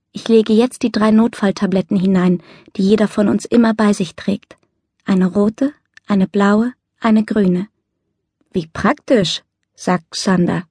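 A woman narrating a novel in the first person, in soft, measured storytelling. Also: medium pitch, slightly rough, dry recording, clean studio sound. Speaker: audiobook narrator.

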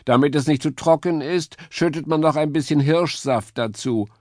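A man's voice: medium pitch, expressive, unhurried, a little mellow, no room sound, studio quality, voice pushed up. A man voicing a haughty, greedy house cat in a children's audiobook, speaking with arrogant drawl.

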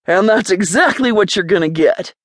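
Woman voicing excitable party-loving young man. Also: medium pitch, normal speed, no room sound, clean studio sound, close to an everyday voice. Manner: excited, upbeat. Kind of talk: audiobook character voice.

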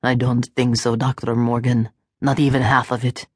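A woman voicing a calm, menacing masked male intruder with a Middle Eastern accent, his voice muffled behind a mask. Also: very deep voice, normal speed, breathy edge, dry recording, clean studio sound. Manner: cool, taunting.

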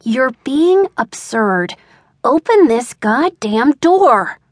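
Brief: a woman playing an irritated woman, blunt and cursing, pushing her voice up high. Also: sing-song, drawn-out words, no echo, clean studio sound, full character voice. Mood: stern. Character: impatient woman shouting through a door. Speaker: audiobook narrator.

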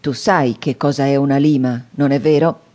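A woman reading an audiobook, voicing a menacing, hungry male convict who makes loud threats. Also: a bass voice, fairly even intonation. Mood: threatening. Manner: loud, threatening, drawn-out demands.

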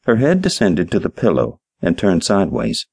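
A man narrating a short story in an audiobook, reading in a measured storytelling manner. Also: sits low, huge pitch swings, darkish tone, husky, no room sound, clean studio sound. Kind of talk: scripted narration.

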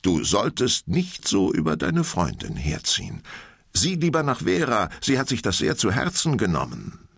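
A man's voice: on the low side, huge pitch swings, moderate pace, creaky, fairly bright tone, breathy edge, no echo, studio quality, pitched above the performer's own voice, heavily acted. Man doing a weary older bookkeeping woman. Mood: reproving. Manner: sighing, tactful.

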